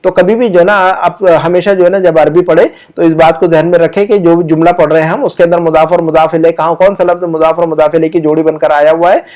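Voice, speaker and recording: He leads a grammar lesson online with an Urdu-speaking accent, taking his time to explain, repeating examples slowly, and asking the class questions. His voice is a little high, with a steady, darkish tone.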